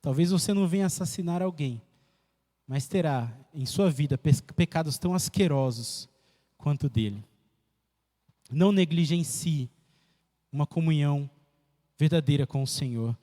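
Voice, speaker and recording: A man preaching a church sermon, emphatic and repetitive, with sharp swings in pitch. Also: moderate pace, pauses often. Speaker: pastor. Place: church sanctuary. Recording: echoey church hall.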